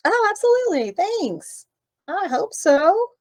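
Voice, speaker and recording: A woman's voice: extremely high pitch, sing-song, a little slow, darkish tone. A middle-aged woman from Tennessee, a voice actress as guest, talking in a rambling, open, chatty way during a casual interview. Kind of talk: casual interview over a video call.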